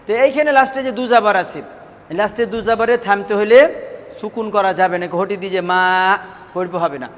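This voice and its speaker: Speaking fast in a large hall, a man whose voice sits high leads a classroom lesson on the rules of Quran recitation. He poses questions to the students, repeats what they answer, and elongates syllables as a drill.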